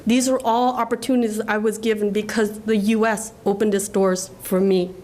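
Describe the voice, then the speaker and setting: A woman's voice: medium pitch, level tone, moderate pace, a little mellow, poor audio. A woman from Laos in her forties giving an earnest, emotional award acceptance speech at a podium. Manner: earnest, emotional, tearful at times. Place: government ceremony room.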